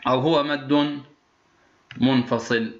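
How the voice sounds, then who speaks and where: A man teaching the rules of Quran recitation. He explains a rule poem line by line, asks prompting questions and answers them himself, and demonstrates short and long drawn-out vowels aloud. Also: mid-range voice, fairly even intonation. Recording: echoey, dull lo-fi recording.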